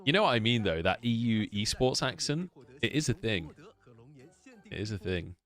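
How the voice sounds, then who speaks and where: British male caster, low-pitched, casual and sweary stream chatter. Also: lively intonation, moderate pace, a bit bright. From United Kingdom. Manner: chatty, swears freely, answers chat questions. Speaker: esports caster streaming a costream.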